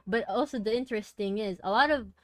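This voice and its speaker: A young woman streamer chatting casually to her viewers, rambling softly and talking her thoughts through as she goes. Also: a little high, quick pace, no echo. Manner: rambling, soft-spoken, talks herself through thoughts. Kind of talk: casual chat.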